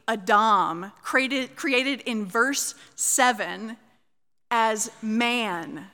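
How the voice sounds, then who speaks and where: Slow, bright-voiced woman preaching in a reverberant church. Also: on the high side. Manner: slow, measured and explanatory. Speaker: pastor. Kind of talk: sermon.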